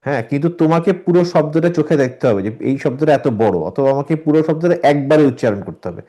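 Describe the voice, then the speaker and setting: A man with a mellow, warm voice leads an online Quran reading lesson. He stays patient and methodical as he explains each rule, then recites the words slowly to show how they should sound. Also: on the high side, animated. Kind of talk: online tajweed class, correcting students.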